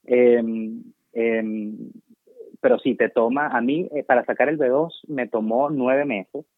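A man's voice: medium pitch, steady tone, takes it slowly, no room sound. Male guest doctor, Venezuelan accent, chatty and self-mocking, thin phone-line audio. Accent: Venezuelan Spanish. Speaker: guest doctor working abroad. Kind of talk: casual interview chat. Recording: tinny dry phone line.

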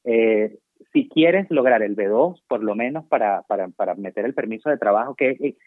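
A man's voice: fairly low pitch, lively intonation, normal speed, no room sound. A man from Venezuela with a Venezuelan Spanish accent, chatting casually as a guest doctor in an interview, digressive and self-mocking. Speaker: guest doctor working abroad. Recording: tinny dry phone line.

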